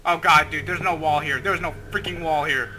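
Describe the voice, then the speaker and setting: A man's voice: on the high side, steady tone, moderate pace, pushed and bright, slight background noise. A young man playing a horror game at his desk, panicky, screaming and swearing a lot in his commentary. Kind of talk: let's play commentary. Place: home, at a desk.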